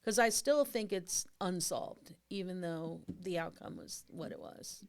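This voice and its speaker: A woman hosts a casual discussion. Her voice is smooth and clear, and she talks in long, rambling, animated questions. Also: lowish voice, measured pace. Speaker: host.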